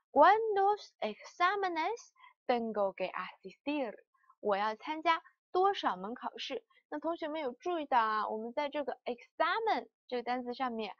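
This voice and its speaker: A woman language teacher giving a lesson, repeating each word slowly for students to follow. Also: high-pitched, dry recording, muffled recording. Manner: slow, repeated word drills.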